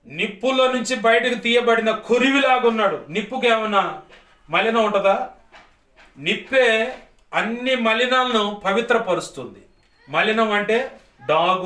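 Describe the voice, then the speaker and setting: A man's voice: high-pitched, expressive, unhurried, long pauses, pushed and bright. A man, preaching a sermon as pastor in an emphatic, repetitive cadence. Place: church hall. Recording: echoey church hall, distant mic.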